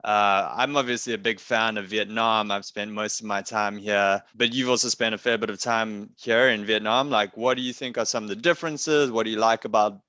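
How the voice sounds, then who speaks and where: A man with a bright, forward voice hosts a relaxed interview. He talks in an easygoing, chatty way, filling gaps with "like" and "you know", and his voice sounds dry and close to the mic. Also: fairly low pitch, fairly quick, few pauses, dry recording, lo-fi sound. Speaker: interview host. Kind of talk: casual interview chat. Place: coastal city in Vietnam.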